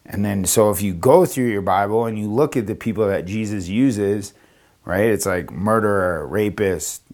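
A man's voice: on the low side, normal speed. A man from Florida, a pastor, telling his story casually on a podcast and acting out the dialogue. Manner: animated, acts out quoted dialogue in a raised voice.

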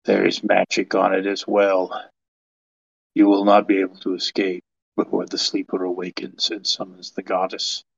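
A man voicing a menacing werewolf caretaker in a low, guttural voice with a put-on British accent. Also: monotone, normal speed, vocal fry, slightly rough, lo-fi sound, heavily acted. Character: menacing male werewolf caretaker, cold and threatening.

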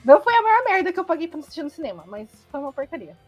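A Brazilian woman co-hosting a podcast from home, chatting casually with animated, rambling and blunt opinions. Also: high voice, rapid-fire, faint music behind. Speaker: podcast co-host. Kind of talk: casual chat.

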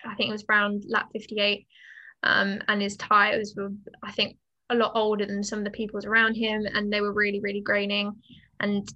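Girl on a chatty podcast, bright voice, kinda flat pitch, laughs a lot. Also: low-quality recording. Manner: chatty, opinionated, laughs often. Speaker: podcast co-host. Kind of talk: casual chat.

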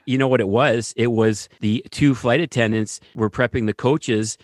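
Man, casual storyteller, animated, mid pitch, dry. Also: moderate pace, no room sound. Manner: animated, keeps asking "right?".

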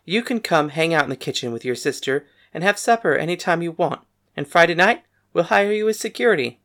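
In this audiobook character voice, a woman plays a daring, outspoken young gunslinging woman, talking bluntly and matter-of-factly. Her voice sits lowish, and she sounds animated, brisk and a bit bright.

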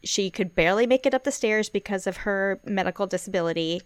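Smooth-voiced chatty woman podcast host. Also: medium pitch, fast, dry recording. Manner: chatty, laughs often, swears freely. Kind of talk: casual chat.

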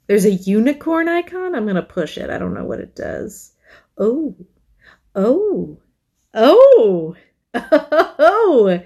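A woman's voice: on the high side, very animated, measured pace, creaky, dark tone, breathy edge. A woman co-hosting a podcast in casual chat, rambling and playful with many asides. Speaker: podcast co-host.

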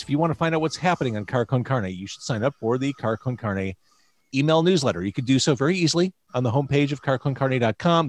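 A man hosting a podcast in a casual, wordy way, repeating points for emphasis. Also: mid-range voice. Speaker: podcast host. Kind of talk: casual hosting and interview talk.

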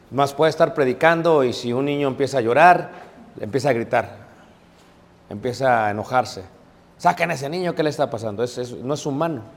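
A man preaching a conversational Bible class, informal, with many fillers and check-ins to the audience. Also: medium pitch. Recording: long reverb of a large room.

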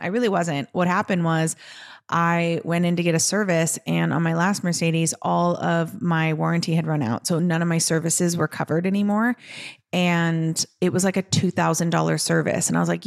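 Gravelly low-voiced woman chatting. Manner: chatty, peppered with "like". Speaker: podcast host. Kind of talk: casual monologue.

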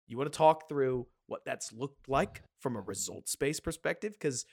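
A man's voice: mid-range voice, lively intonation, normal speed, creaky. A man co-hosting a casual sports podcast, musing about the game in a loose, conversational way. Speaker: podcast co-host.

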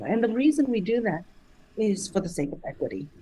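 Soft-laughing middle-aged woman from Malaysia. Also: medium pitch, big pitch swings, fairly quick, husky. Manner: thoughtful, with frequent fillers and light laughs. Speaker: guest, nonprofit founder. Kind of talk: conversational interview.

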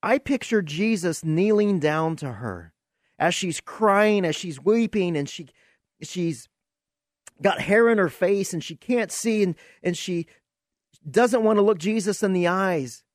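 An earnest man teaches from scripture on his podcast, in a preaching style full of rhetorical questions. His voice sits a little high and moves at an unhurried pace. The recording is close and dry. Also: animated, no echo. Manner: earnest, asks rhetorical questions, repeats words as he searches. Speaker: podcast host and Bible teacher.

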